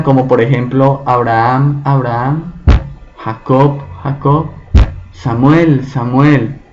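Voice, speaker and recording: Here a man with a mid-range, somewhat dark voice teaches a Bible study, captured on a dull lo-fi recording. His pace is slow, and he often poses rhetorical questions to see if his listeners are following.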